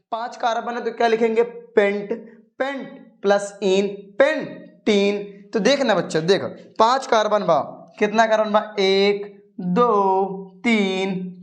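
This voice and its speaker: A man teaching a chemistry coaching lesson in casual with a tinge, chatty and coaxing, who asks his students questions and then answers them himself. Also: sits high.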